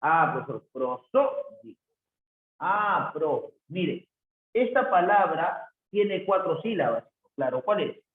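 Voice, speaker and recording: A male teacher lectures an online class in a fairly high voice, checking in with his listeners again and again. He asks his students' questions himself, then answers them. The recording is echoey and narrow, like a phone line. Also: expressive, takes it slowly, a little hiss or hum. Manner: repeats the tag "¿no es cierto?" often, voices imagined student questions himself. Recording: echoey room over a tinny phone-like line.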